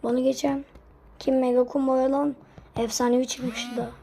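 High-voiced woman ranting over gameplay. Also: normal speed, creaky. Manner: excitable, frustrated outbursts and cursing at teammates; drops to muttered asides between loud cries. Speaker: gaming streamer. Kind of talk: live gameplay commentary.

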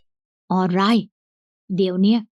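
A woman voicing a young male doctor, speaking low and dry, in a novel reading. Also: slow, warm tone, no echo, muffled recording, lightly acted. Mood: dry, mocking.

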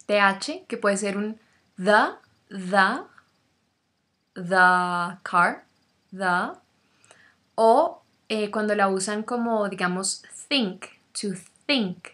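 Slow, clear woman teaching pronunciation. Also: mid-range voice, a bit bright. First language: Spanish. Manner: slow, demonstrative, repeats sounds. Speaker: English teacher. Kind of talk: pronunciation lesson.

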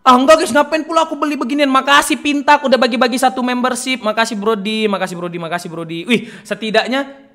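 A young man streaming a game, chatting loudly and teasingly with his viewers and laughing often. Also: extremely high pitch, fast talker. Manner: loud, teasing and excitable, with frequent laughter and repeated "ya kan". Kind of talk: casual live-stream chat.

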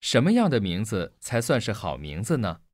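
A man's voice: lowish voice, huge pitch swings, moderate pace, dry recording, clean studio sound. A man playing a student in a scripted textbook listening dialogue, asking curious questions.

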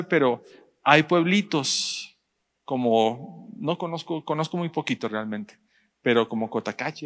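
A man, a pastor preaching a sermon in church, speaking directly to the congregation and slowing down to stress his points. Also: on the high side, fairly bright tone. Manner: direct, addresses the congregation, rising emphasis and slow stressed phrases.

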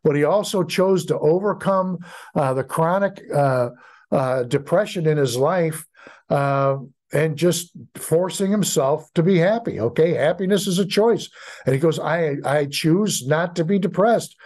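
A man's voice: on the high side, darkish tone. A middle-aged American man preaching a sermon as pastor, with frequent fillers and restarts. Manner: halting, many fillers and restarts.

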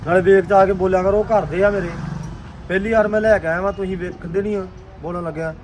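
An actor playing a young husband out of work who defends himself and pleads with those who scold him. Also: male voice, high voice, fairly even intonation, quick pace, a little mellow, a little hiss or hum, natural voice. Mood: defensive. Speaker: husband in a family drama.

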